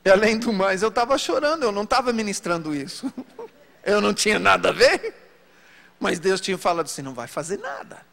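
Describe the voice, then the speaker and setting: A man preacher telling a story from the pulpit in an animated sermon. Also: fairly quick, gravelly. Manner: storytelling, animated pitch swings. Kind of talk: sermon testimony. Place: church hall. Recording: long hall reverb.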